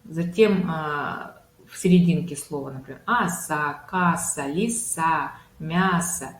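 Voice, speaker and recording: A woman speech therapist with a low, steady voice explains home exercises patiently, stacking up example words and pausing on filler sounds. She is recorded in a roomy, echoey space with a faint hiss underneath. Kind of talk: consultation talk on home exercises.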